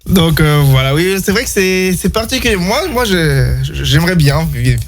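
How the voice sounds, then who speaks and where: A man's voice: on the high side, very animated, normal speed. Hesitant man presenting on radio. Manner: hesitant, many fillers and restarts. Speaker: radio show co-host. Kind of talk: casual radio chat, presenting a gadget.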